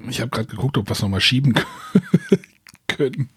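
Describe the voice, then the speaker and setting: A man's voice: medium pitch, big pitch swings, normal speed, a bit bright, slightly rough, no room sound. A man co-hosting a board game podcast, joking and teasing the others in casual banter.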